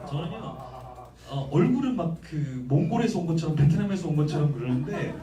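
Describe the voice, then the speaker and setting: A male pastor preaching a sermon in lively, conversational style, often asking the congregation questions. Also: fairly high pitch, fairly quick, reverberant, recorded from a distance, crowd noise. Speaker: guest pastor. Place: church sanctuary.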